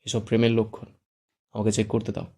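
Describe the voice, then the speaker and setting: A man's voice: fairly low pitch, little pitch movement, brisk, creaky, warm tone. A man doing a cocky, teasing young man. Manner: cool, teasing and playful.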